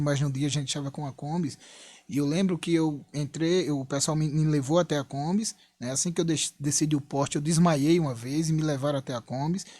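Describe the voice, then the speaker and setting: This young Brazilian churchgoer has a fairly high, dark-toned voice, recorded with no room sound. He earnestly recounts his personal testimony with many asides and a habit of saying "né?", his accent Brazilian Portuguese.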